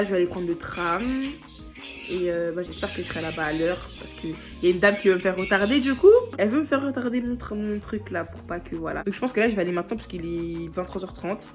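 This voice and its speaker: With a fairly low-pitched voice and a bit of a cold in her nose, a young French woman vlogs into her phone, her talk loose and rambling, dotted with giggles and little fillers. Light music plays beneath her.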